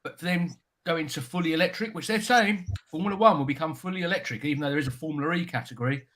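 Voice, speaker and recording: A man chatting casually as a panellist in a hot wings challenge, his mouth warming from spicy food as he talks. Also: a little high, fast. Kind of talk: casual chat.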